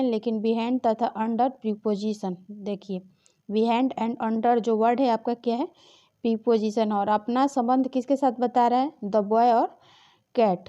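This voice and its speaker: A woman's voice: fairly high pitch, warm tone, highs cut off. A woman teaching an exam-prep grammar lesson, explaining patiently and often checking in with her students. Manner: explanatory, repeats key points and checks with "ठीक है".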